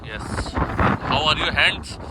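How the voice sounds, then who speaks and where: A man's voice: on the high side, expressive, takes it slowly. A man narrates a casual travel vlog outdoors, freezing cold with wind in his face, speaking in emphatic, repeated short phrases. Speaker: travel vlogger. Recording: loud wind roaring on the microphone.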